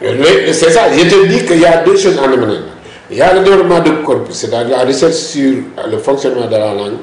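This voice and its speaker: A language policy expert speaks animatedly and fast in a medium-pitched male voice during a discussion interview. He explains at length, presses his points, and often cuts in with repeated words. The room gives a noticeable echo.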